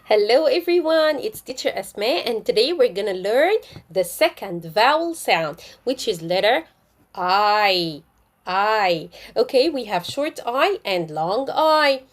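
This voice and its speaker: A woman teaching English phonics, sounding out letters and repeating each word slowly and distinctly. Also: fairly high pitch, very animated. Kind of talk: slow, clearly drilled phonics lesson.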